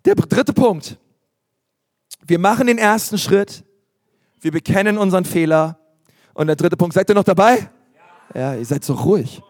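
Animated high-voiced man preaching. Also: normal speed, long pauses, no echo, studio quality. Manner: animated, emphatic preaching with repetitions and acted asides. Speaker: pastor. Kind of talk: sermon.

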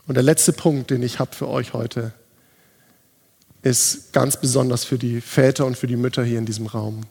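A man's voice: mid-range voice, fairly even intonation, moderate pace, gravelly, darkish tone, slightly rough. A man in his thirties preaching a sermon in a church hall, addressing the congregation directly and urgently. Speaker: pastor. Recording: long hall reverb, faint music behind.

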